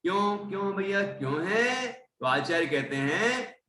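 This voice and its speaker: A man teaching scripture, chanting verses slowly and then explaining pronunciation and meaning, often checking in with listeners. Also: sits high, lively intonation, pushed and bright. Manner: frequent "theek hai" checks with listeners. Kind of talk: recitation and line-by-line teaching. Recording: echoey room, voice from a distance, faint background noise.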